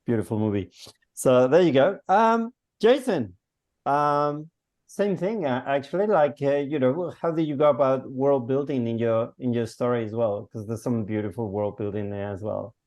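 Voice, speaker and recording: A man interviewing authors, asking halting, hesitant questions. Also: medium pitch, a little mellow.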